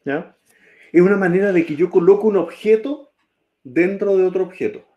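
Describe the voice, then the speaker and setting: A man's voice: high voice, normal speed, muffled recording. A man teaching a programming class, typing code as he talks and often checking that students follow. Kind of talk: live-coding class.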